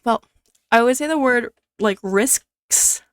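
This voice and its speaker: A young woman rambling casually through gaming commentary, chatty and full of tangents, enunciating clearly. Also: a little high, slow pace, no echo. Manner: chatty, tangent-prone, self-deprecating. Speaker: gaming streamer.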